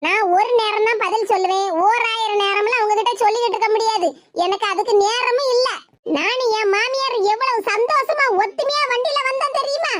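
A woman's voice: extremely high pitch, a little fast, fairly bright tone, slight background noise. A woman voicing a proud young married woman in a cartoon, lecturing self-righteously in a Tirunelveli Tamil accent. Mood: smug. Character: young wife, proud and newly respectable.

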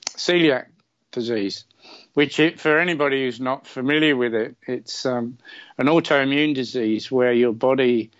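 An unhurried, medium-pitched middle-aged Englishman tells a long personal story as a podcast guest. It's casual, chatty storytelling full of fillers and wry, self-deprecating humor. The recording is muffled but has no echo.

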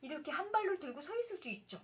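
Speaking fast in a high voice, a woman in her thirties reads a story to her child, asking questions as she goes. She sounds expressive, sing-song, and explanatory as a mother, with faint room noise in the background.

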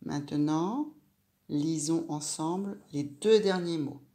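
A woman teaching a reading lesson to a young child, sounding out syllables slowly and clearly and asking the child questions. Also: deep voice, warm tone. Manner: slow, clear, syllable by syllable, addressing the child directly.

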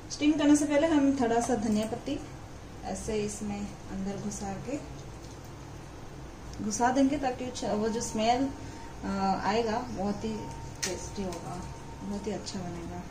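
Woman cooking at home and talking viewers through it, kinda high voice, sizzling and noise in the background. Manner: explains steps plainly, addresses viewers directly. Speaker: cooking channel host. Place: home kitchen.

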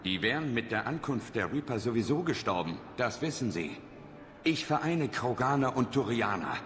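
A man's voice: mid-range voice, big pitch swings, moderate pace, background noise, lightly acted. A man voicing a stern, resolute military commander in a video game, terse and authoritative. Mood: firm, persuading. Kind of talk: dramatic video game acting.

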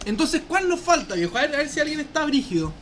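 With a very high, bright voice that swings widely in pitch, a Chilean programming instructor talks fast through a live lesson. His style is casual and full of slang, and he checks in with "¿ya?" constantly. A bit of hiss or hum sits in the background.

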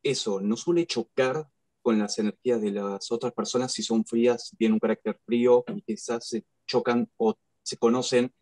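A man's voice: mid-range voice, fairly even intonation, moderate pace, darkish tone, dry recording. A man with a Buenos Aires Argentine accent asking a question in an online class, in a hesitant, thoughtful way. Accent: Buenos Aires Argentine Spanish.

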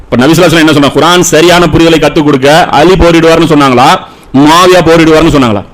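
A man's voice: on the high side, very fast, poor audio. A man giving an argumentative Islamic lecture, asking rhetorical questions and slipping English words into his speech. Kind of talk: religious lecture.

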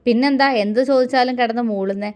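A brusque young husband, gruff and mocking, barking short orders at his wife, as a woman reads him in her storybook voice. He teases through scorn. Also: on the high side, fast, darkish tone, close to an everyday voice.

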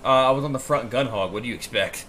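A man's voice: mid-range voice, fast, a bit bright. A man chatting casually and wryly as a player in a military game squad, with some swearing. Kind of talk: casual gaming chat. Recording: noisy game voice chat.

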